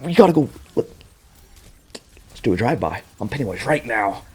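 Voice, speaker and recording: Man voicing a teen girl, shrill, shouting, possessive, hostile, unhinged. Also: sing-song, a little fast, slightly rough. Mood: ranting.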